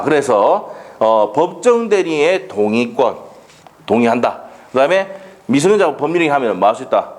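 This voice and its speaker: A man lecturing on law for an exam, quizzing students with rhetorical questions and blunt dialect jokes. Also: mid-range voice.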